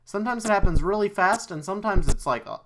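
Jumpy, animated man playing a horror game. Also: high-pitched, fast, noisy background. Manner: jumpy, easily startled, swears often; talks himself into calming down. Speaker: YouTube let's player.

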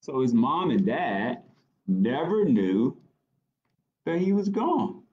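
A middle-aged American man, a library storytime reader, reads a children's picture book aloud in a small indoor office. He goes at an unhurried pace with a sing-song, expressively swinging pitch, pausing to ask little questions, and the webcam recording sounds slightly dull.

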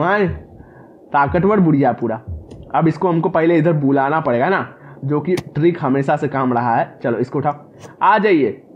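A man's voice: a little high, lo-fi sound. A man doing comic horror gameplay commentary, yelping and repeating words in panic and talking back to the game characters. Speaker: gaming commentator.

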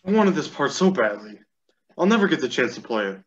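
A man's voice: medium pitch, brisk, dull audio, close to an everyday voice. A young man playing a frustrated teen boy. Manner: complaining, lively. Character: frustrated teenage boy actor.

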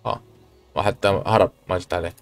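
A man, hosting a gaming channel, chatting through his gameplay and breaking into excited exclamations. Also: sits low, fairly quick, faint music behind. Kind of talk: let's play commentary.

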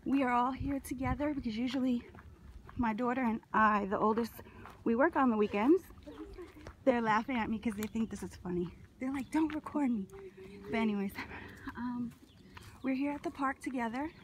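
A woman's voice: a little high, normal speed, a little hiss or hum. A woman in her thirties, a mother vlogging on a phone while walking a wooded park trail, chatting cheerfully to her viewers. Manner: chatty and upbeat, talking straight to viewers. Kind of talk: casual vlog narration. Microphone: phone held while walking.

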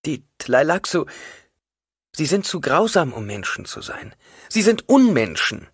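Brief: male reader playing a respectful young woman envoy, raised pitch, a little breathy, dry close sound. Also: very animated, a little slow, no echo, full character voice. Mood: indignant. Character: young female envoy, polite and deferential.

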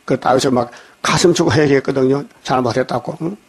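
A man preaching a dawn sermon, reading verses and scolding his listeners, often checking in with a quick "eh?". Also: medium pitch, breathy edge. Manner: scolding, jokes at the congregation. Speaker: pastor. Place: church.

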